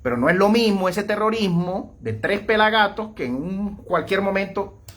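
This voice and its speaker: Husky, confrontational preacher man. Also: sits high, lively intonation, normal speed, fairly bright tone. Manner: confrontational, repeatedly addresses listener with "¿mm?" and "¿ah?"; mocks opponents by acting out their voices. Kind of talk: online sermon monologue.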